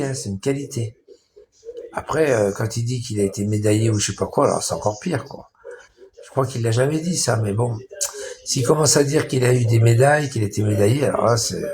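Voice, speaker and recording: A man's voice: medium pitch, darkish tone. Man mocking people on a live stream. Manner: mocking, crude, halting with many restarts. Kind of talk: rambling live-stream monologue.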